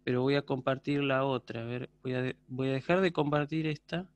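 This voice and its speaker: A man teaches a university class online in a mid-range, steady voice at a fairly quick pace, with no room sound. He explains patiently and keeps asking questions to make sure students follow.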